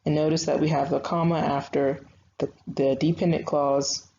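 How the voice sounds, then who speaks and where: The young writing instructor speaks in a low-pitched, mellow voice with a level tone at a moderate pace. Her recorded online grammar lesson is patient and conversational, dotted with fillers, and the sound is a slightly dull lo-fi with faint noise.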